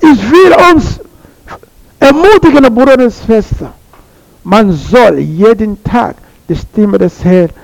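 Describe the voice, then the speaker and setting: A man's voice: very high voice, darkish tone, low-quality recording. A man preaching a sermon to a congregation, repeating his phrases and putting questions to his listeners.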